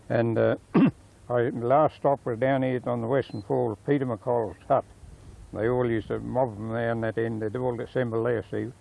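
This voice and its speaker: An older man with a broad Australian accent and a gravelly voice, casually telling anecdotes from memory. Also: mid-range voice, a little mellow. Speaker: old-timer being interviewed. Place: casual group recording on amateur camera. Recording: tinny phone-like sound with faint noise.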